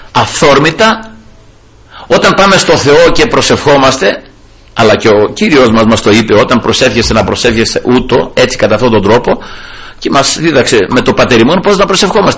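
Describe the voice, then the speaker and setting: A man's voice: fairly high pitch, fairly bright tone, husky. A man preaching a fervent sermon, addressing the brethren often and repeating refrains of praise to the Lord.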